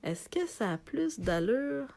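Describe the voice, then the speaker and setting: A woman's voice: fairly high pitch, slow, vocal fry. A middle-aged woman with a Québécois French accent, chatting live to viewers while showing craft products for sale. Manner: chatty, animated, talks to viewers directly. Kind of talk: live video sales chat.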